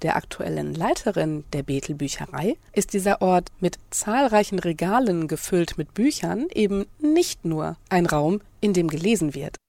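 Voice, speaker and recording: A woman reporter narrating a scripted radio feature in a steady, clear reading voice. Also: lowish voice, no room sound.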